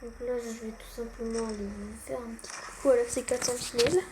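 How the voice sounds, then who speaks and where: A woman's voice: on the high side, level tone, fairly quick, background noise. A young woman giving casual, self-mocking gameplay commentary, full of gamer slang. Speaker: gaming channel host.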